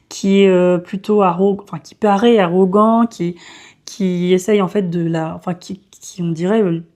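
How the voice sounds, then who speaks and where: A woman in her thirties, a book vlogger with a warm, medium-pitched voice, gives a casual review that's hesitant and full of fillers and restarts.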